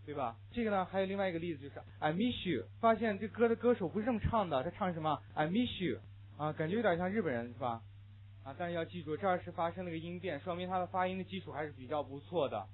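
A man's voice: sits high, rapid-fire. A young adult man teaching English pronunciation to a class, explaining sound changes and having students repeat phrases after him. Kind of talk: classroom lecture. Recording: muffled phone-like lo-fi audio.

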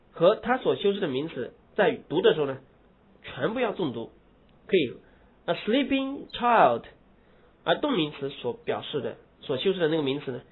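A slightly high, husky male teacher giving a grammar lecture, his pitch swinging widely as he stresses example phrases. The sound is thin and tinny, like an old phone-line recording. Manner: explains in Mandarin, drawls English example phrases slowly with heavy stress; rhetorical questions answered himself.

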